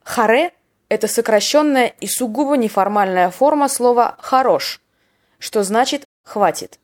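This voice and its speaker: A woman with a slightly high voice, speaking at normal speed, runs a podcast that explains Russian slang. In wry, playful scripted narration she acts out short example dialogues.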